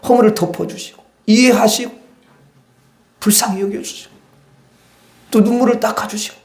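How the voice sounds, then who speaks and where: High-voiced animated male pastor preaching. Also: normal speed, gravelly. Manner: animated, conversational, many rhetorical questions. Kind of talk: sermon. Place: church sanctuary. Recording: roomy church echo.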